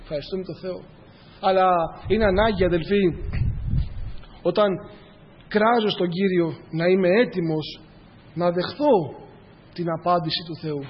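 A man's voice: high voice, pauses often, slight background noise. A man preaching a sermon earnestly, addressing the congregation as brothers in a church hall. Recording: dull, with long hall reverb.

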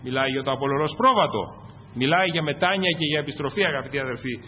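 A Greek man preaching a fervent sermon to his congregation, rising to loud peaks and dropping to low asides. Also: expressive, slight background noise. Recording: muffled, echoing church recording.

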